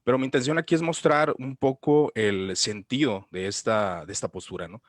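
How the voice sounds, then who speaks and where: A man speaking as a panelist, giving a relaxed, conversational presentation over a video call. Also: mid-range voice, moderate pace, no room sound, studio quality. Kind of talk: casual presentation.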